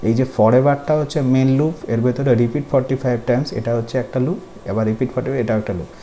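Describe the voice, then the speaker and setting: A man's voice: mid-range voice, steady tone, brisk, dark tone. A man teaching a coding class. He explains patiently, step by step, and asks his students questions. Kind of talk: screen-recorded tutorial. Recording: faint background noise.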